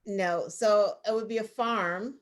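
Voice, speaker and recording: With a medium-pitched, steady voice and a slow pace, this American co-host runs a playful trivia game during casual chat on an online news show. She laughs a lot as she quizzes.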